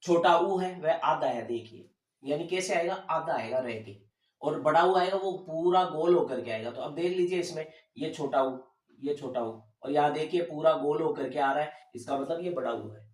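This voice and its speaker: A man teaching a lesson, patiently explaining and slowly repeating sounds syllable by syllable. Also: on the high side. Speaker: Hindi teacher. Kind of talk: classroom-style lesson explanation. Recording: echoey room, voice a bit far from the mic.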